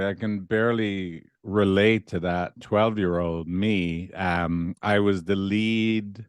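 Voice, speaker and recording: A man's voice: low voice, dry recording. A middle-aged man with a Dublin Irish accent, telling personal stories in a rambling, conversational interview manner, often checking in with "right?". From Dublin, Ireland. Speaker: podcast guest, relationship therapist. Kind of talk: casual interview, personal storytelling.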